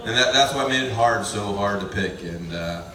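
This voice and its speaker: A man's voice: fairly low pitch, moderate pace, sharp tone. A man speaking as the groom, giving a hesitant, off-the-cuff wedding speech. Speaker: groom introducing his best men. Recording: echoey room, distant mic, crowd.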